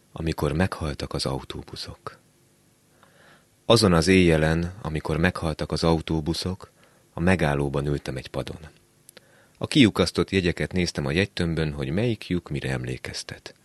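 Man, story reader, very low voice, measured, dry close sound. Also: dry recording. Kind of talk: literary reading of a short story.

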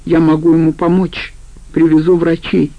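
A brutal male ex-convict, read by a woman narrator, harsh and threatening. The voice is gravelly, and the audiobook recording sounds dull and lo-fi. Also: deep voice, little pitch movement, normal speed, no room sound. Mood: demanding.

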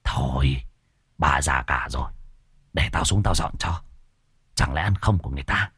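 A man voicing a frightened, hungry older brother who speaks in a low, hushed whisper. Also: lively intonation, normal speed, breathy edge, no echo, clean studio sound, full character voice. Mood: insistent.

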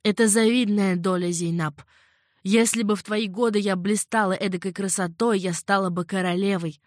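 A woman reading an audiobook, voicing a worldly old female servant who speaks calmly and patiently. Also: mid-range voice, normal speed, no echo, clean studio sound, lightly acted. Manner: unruffled, coaxing and patient.

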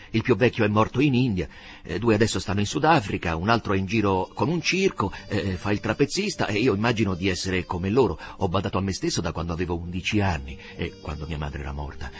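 A man reading aloud who voices an earnest young working-class man, humble and hesitant, halting over his words. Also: deep voice.

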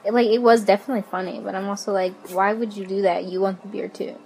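A woman's voice: medium pitch, fairly even intonation, fast, darkish tone, low-quality recording. A woman co-hosting a casual podcast, trading wry jokey asides with laughs. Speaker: podcast co-host. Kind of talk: casual chat.

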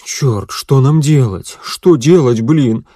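A man voicing an angry, crude male accomplice who curses and shouts accusations. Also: mid-range voice, normal speed, no echo, studio quality, close to an everyday voice. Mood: furious. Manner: loud, cursing, accusing.

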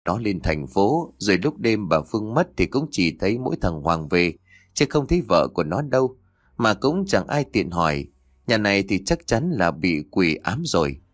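A man narrating a ghost story audiobook in a steady, measured way. His voice is very low yet lively in pitch, and the recording is dry and close. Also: no room sound. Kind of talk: scripted horror story narration.

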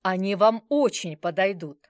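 A woman doing an eager, flattering salesman. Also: mid-range voice, measured pace, no echo, natural voice. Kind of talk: audiobook character reading.

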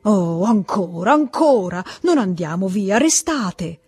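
A woman's voice: lowish voice, big pitch swings, measured pace, mellow, breathy edge, soft background music, exaggerated voice. Woman reading as a fervent male seducer. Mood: ardent. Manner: fervent, swelling declarations. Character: persistent male seducer, ardent and insistent.

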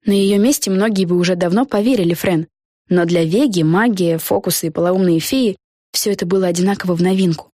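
Husky woman narrating a children's book. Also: on the low side, a little fast, warm tone, no room sound, clean studio sound. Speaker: audiobook narrator. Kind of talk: storybook narration.

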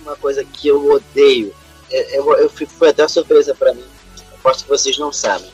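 A man's voice: mid-range voice, fairly even intonation, fairly quick, a little mellow, husky, soft background music, low-quality recording. A Brazilian man co-hosting a podcast, complaining emphatically in slangy casual chat. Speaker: podcast co-host.

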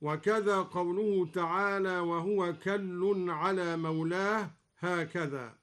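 A man giving a radio lesson on Quran recitation variants. He explains each point in a measured way, then chants the verse as an example. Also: high-pitched, steady tone, a bit bright.

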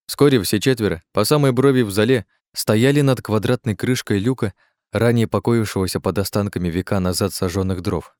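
A man narrating a dark fantasy audiobook in an even, measured reading. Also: on the low side, no echo, studio quality.

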